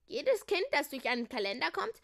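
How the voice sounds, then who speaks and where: A woman's voice: high-pitched, very animated, fairly quick, creaky, voice pushed up, exaggerated voice. A cheeky little boy from a storybook, announcing his plan matter-of-factly, voiced by a woman.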